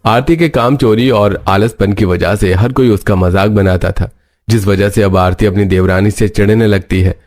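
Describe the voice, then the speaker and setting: A man narrating a family cartoon story in a steady storytelling manner. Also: fairly low pitch, moderate pace.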